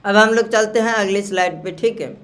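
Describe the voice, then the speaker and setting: Male chemistry teacher, slow and repetitive. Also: sits high, fairly bright tone. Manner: repeats key terms slowly, checks understanding with questions. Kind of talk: classroom lecture on naming salts.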